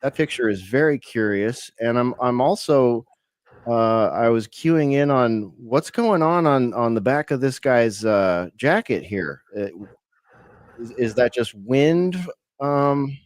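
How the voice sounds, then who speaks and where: A man's voice: medium pitch, lively intonation, takes it slowly, no echo, clean studio sound. A man co-hosting a live-streamed talk show, musing and reasoning aloud about a photo with many fillers.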